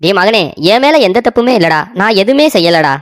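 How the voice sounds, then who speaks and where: A woman's voice: medium pitch, lively intonation, fairly quick, lightly acted. A woman voicing a sentimental, doting elderly father in a cartoon story, talking with melodramatic, pleading emotion. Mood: hurt.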